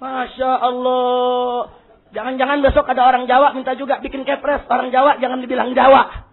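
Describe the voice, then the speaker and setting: A man preaching a fiery sermon, shouting rhetorical questions at the congregation. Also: very high voice, level tone, quick pace, gravelly, husky. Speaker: Islamic preacher. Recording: tinny lo-fi recording.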